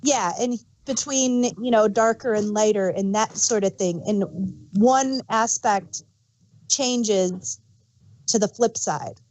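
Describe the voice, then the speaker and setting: A woman with a medium-pitched, slightly mellow voice speaks slowly on a rough recording. Co-hosting a casual fan discussion on a podcast, she rambles and searches for words while giving emphatic examples.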